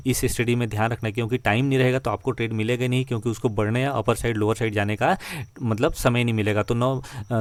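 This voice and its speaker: Male trading tutor, mid-pitched, repetitive and chummy with viewers, dry close recording. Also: no room sound. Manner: repetitive, addresses viewers as friends. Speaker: stock trading teacher. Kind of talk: screen-share chart tutorial.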